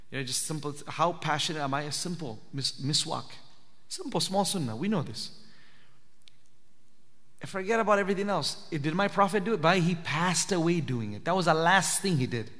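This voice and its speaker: A man's voice: fairly high pitch, expressive, brisk, a bit bright. A man giving an earnest sermon at a spiritual retreat, asking his listeners direct questions. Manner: earnest, asks the audience questions. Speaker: Islamic teacher giving a talk at i'tikaf. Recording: long hall reverb.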